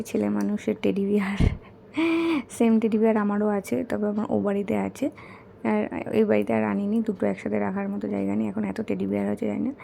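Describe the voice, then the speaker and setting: A young woman talking softly and hoarsely in a casual chat while showing gifts, keeping her voice low because her son is asleep. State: hoarse, her throat is bad.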